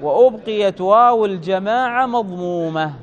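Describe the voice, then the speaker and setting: A man's voice: high-pitched, dull audio. A man teaching an Arabic grammar lesson to a class, asking questions and stretching out his examples. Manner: questioning, drawn-out stresses on examples.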